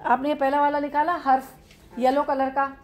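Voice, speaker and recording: This grammar lesson comes from a woman with an Urdu accent whose pitch is slightly raised; she proceeds step by step and tends to answer her own questions. Her tone stays level and a little mellow, and her pace is moderate.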